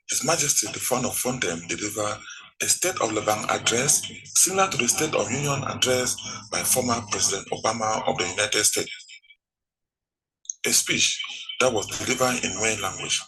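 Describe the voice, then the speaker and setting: A man reading a formal news report as the correspondent, in a measured voice. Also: lowish voice, expressive, sharp tone. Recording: noisy background hiss.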